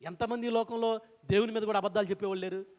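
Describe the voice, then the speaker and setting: A man's voice: high-pitched, fairly even intonation, very fast, a little mellow, long reverb tail. A man preaching a sermon, retelling a scripture story with acted voices and rhetorical questions. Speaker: pastor.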